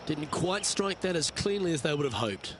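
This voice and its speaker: A man's voice: a little high, very animated, moderate pace, noisy background. A man working as a golf commentator, calling play shot by shot in a game broadcast. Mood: measured.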